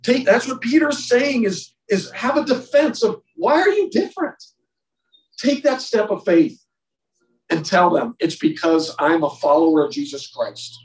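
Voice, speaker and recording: A man leads an informal Bible lesson for a group of men, speaking in a somewhat high voice. He talks emphatically, circling back and repeating words to drive points home. The sound is roomy, picked up from away from the microphone. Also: unhurried, distant mic. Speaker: men's Bible study leader.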